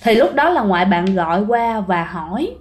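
A woman's voice: mid-range voice, very animated, moderate pace. A woman telling ghost stories in a chatty way, often speaking straight to her listeners. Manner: chatty, keeps addressing listeners directly. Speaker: ghost story narrator. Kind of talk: casual spoken storytelling.

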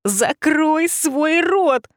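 A woman voicing a small, hysterical, foul-mouthed male rabbit with shrill, snarling yells. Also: expressive, drawn-out words, no echo, clean studio sound, full character voice. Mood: furious.

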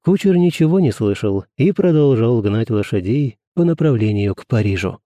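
A man narrating a classic novel in a measured, even storytelling manner. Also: medium pitch, no echo. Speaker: audiobook narrator. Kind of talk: scripted literary narration.

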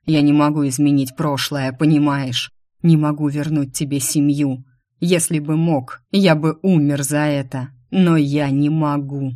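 A woman voicing a possessive male demon lover, speaking slowly and drawing out his words. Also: low voice, steady tone, dark tone, dry recording, studio quality. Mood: anguished. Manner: slow, drawn-out, growling delivery. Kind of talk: audiobook character voice.

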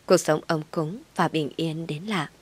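A woman narrating a family drama story in expressive audiobook style. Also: deep voice, measured pace, breathy edge.

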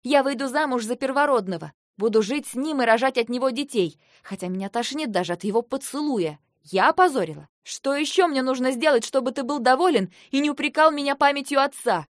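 A fiery young princess, as the woman narrating puts her on shouts in a high, strained voice. Her defiance stays loud throughout. The recording is close and dry. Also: fairly quick, hardly any pauses, no room sound, close to an everyday voice. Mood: furious. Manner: shouting, pitched up in anger.

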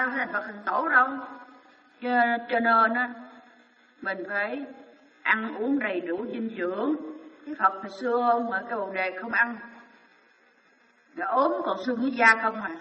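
Man preaching from afar. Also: high-pitched. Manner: poses rhetorical questions and answers them himself, emphatic. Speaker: Buddhist dharma teacher. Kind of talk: sermon. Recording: dull, echoey hall recording from far off.

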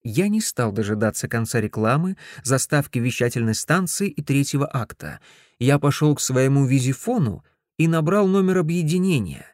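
A man reading a first-person story aloud, expressive, breaking into angry shouts in character. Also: medium pitch, moderate pace, dry recording, studio quality. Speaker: audiobook reader.

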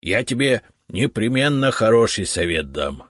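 A man's voice: lowish voice, very animated, a little slow, fairly bright tone, no echo, clean studio sound, full character voice. A man voicing a boastful, self-important male house spirit who talks bossily with "eh" fillers, in an audiobook. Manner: bossy, know-it-all, grumbling with 'eh' fillers. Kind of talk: audiobook character voice.

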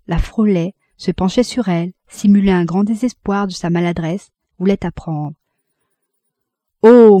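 A woman reading a classic novel aloud in an expressive, measured audiobook narration. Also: on the low side, no room sound. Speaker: audiobook reader.

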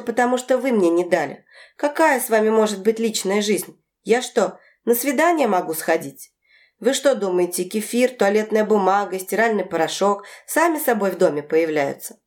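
A woman voicing an irritable, overworked adult woman who argues with her mother in a sharp, raised voice. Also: medium pitch, lively intonation, moderate pace, close to an everyday voice. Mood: exasperated.

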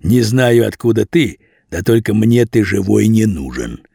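A man voicing a cold, menacing gangster boss who drawls his threats slowly in an audiobook. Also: lowish voice, big pitch swings, creaky, dark tone, breathy edge, dry recording, studio quality, exaggerated voice. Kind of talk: audiobook character voice.

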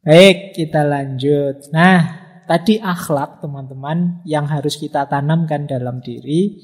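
A man giving a relaxed religious lecture, chatty and humorous, often acting out students' remarks. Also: on the high side, a little slow. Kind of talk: relaxed study-circle lecture. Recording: long hall reverb.

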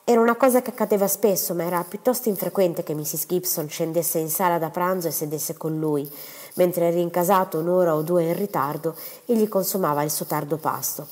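A woman reading a novel aloud in a measured, expressive storytelling manner. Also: lowish voice. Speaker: audiobook reader. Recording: long hall reverb.

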